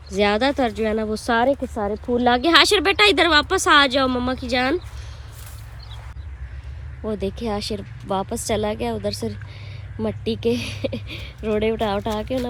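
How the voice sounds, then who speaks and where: A young woman, slightly hoarse, chatting casually to viewers as she vlogs while walking through farm fields. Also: mid-range voice, darkish tone, a little hiss or hum. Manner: chatty, rambling, addresses viewers directly. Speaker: village vlogger and mother. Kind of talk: casual walk-and-talk vlog.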